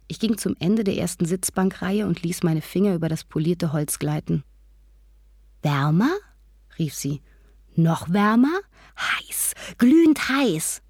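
A woman narrating a first-person story aloud in calm, measured prose. Her voice is lowish and slightly breathy. The recording is dry and close to the mic. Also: no room sound. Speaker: audiobook narrator.

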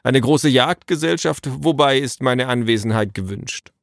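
A man voicing a sardonic middle-aged tracker and father in a storybook reading, dry and unhurried. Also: mid-range voice, gravelly, dry recording, pitched above the performer's own voice, close to an everyday voice.

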